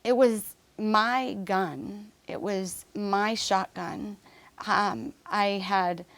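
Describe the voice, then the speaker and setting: A woman of average pitch, speaking as a guest on a podcast. She recounts her story in an earnest, measured way, often pausing, restarting sentences and filling gaps with "um". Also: steady tone, a bit bright. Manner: halting, with restarts and fillers. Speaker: interview guest. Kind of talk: personal story in a podcast interview.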